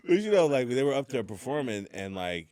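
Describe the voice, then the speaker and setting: A man's voice: medium pitch, big pitch swings, fairly quick, a little mellow, no echo. A man hosting a podcast, telling stories in a laid-back, rambling, casual way in a studio. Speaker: podcast host.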